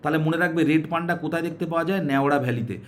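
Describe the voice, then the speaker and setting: Brief: male exam coach, West Bengal Bengali, brisk and high-pitched, quizzes the class and answers himself. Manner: asks questions and answers them himself, repeating "okay"; coaxing, uses story tricks to aid memory. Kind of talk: classroom-style exam prep lesson.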